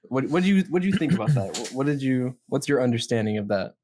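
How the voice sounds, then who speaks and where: Fast and lively in intonation, a slightly mellow mid-range male voice comes through with a little hiss or hum. He's a podcast host casually chatting and reacting to videos, rambling hesitantly as he explains a horror series.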